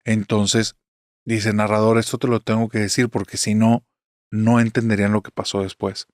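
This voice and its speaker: A man's voice: on the low side, flat delivery, normal speed, a little mellow, dry recording, studio quality, close to an everyday voice. A man voicing a distraught young husband who pleads as he recounts his ordeal in a horror story. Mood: anguished. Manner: pleading, anguished confession.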